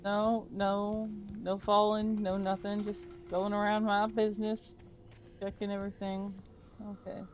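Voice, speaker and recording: A woman's voice: medium pitch, monotone, unhurried, a little mellow, a little hiss or hum. A woman streamer giving casual, chatty let's-play commentary, swearing and muttering to herself. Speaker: gaming streamer.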